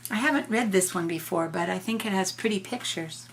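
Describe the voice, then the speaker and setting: A grandmother reads a picture book to a child fairly quickly, her medium-pitched voice creaky, gentle and explanatory, broken up by informal asides. There's slight background noise.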